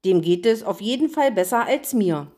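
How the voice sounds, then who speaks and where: A woman voicing a whiny, ever-freezing male snowman in a storybook reading, with a high wailing voice. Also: expressive, moderate pace, warm tone, lightly acted. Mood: fretful.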